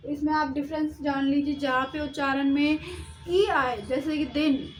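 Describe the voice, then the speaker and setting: A woman's voice: sits high, fairly even intonation, normal speed, a little hiss or hum, low-quality recording. A woman teaching Hindi vowel signs, explaining step by step and sounding out letters, sometimes stopping to correct herself. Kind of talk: explaining a lesson on writing.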